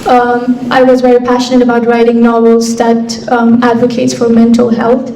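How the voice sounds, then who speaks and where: A young woman from Afghanistan answers interview questions in a soft, reflective way, pausing often. Her voice sits a little high and stays flat, with a mellow, darker tone. It is picked up from a distance in an echoey hall with a faint hiss behind it. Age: young adult. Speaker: guest speaker. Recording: echoey hall, voice from far off mic, faint noise.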